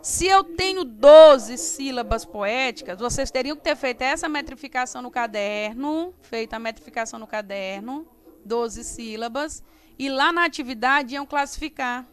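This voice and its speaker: A Brazilian Portuguese-speaking woman teaching an online class, explaining step by step and sounding out syllables slowly. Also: high voice, lively intonation. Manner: slow, explains step by step, syllabifies words aloud. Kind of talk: recorded online class lesson. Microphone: computer mic while writing with mouse.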